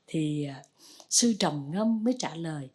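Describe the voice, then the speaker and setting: A Buddhist nun giving a conversational Dharma talk, telling stories and gently exhorting. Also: female voice, low voice, lively intonation, measured pace.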